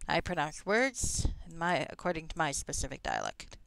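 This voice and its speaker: A woman's voice: deep voice, huge pitch swings, normal speed, creaky, a bit bright. A woman giving casual gameplay commentary as a streamer, musing wryly to herself with plenty of swearing. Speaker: game streamer. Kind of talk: casual gameplay commentary, reading dialogue aloud.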